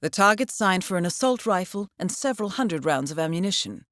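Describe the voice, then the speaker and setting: Briefing an assassin, this female intelligence handler in a video game stays composed and formal, cool and wry with a businesslike mood. The woman voicing her sits on the low side, animated, a little fast and a bit bright, with no room sound.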